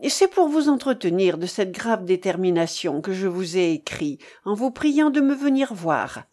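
A woman's voice: mid-range voice, big pitch swings, moderate pace, dark tone. A woman reading a devoted, resolute young daughter in an audiobook, speaking earnestly and firmly. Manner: earnest, firm, passionate.

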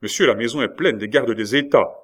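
A man voicing a panicked male household servant who shouts urgent warnings. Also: medium pitch, brisk, natural voice.

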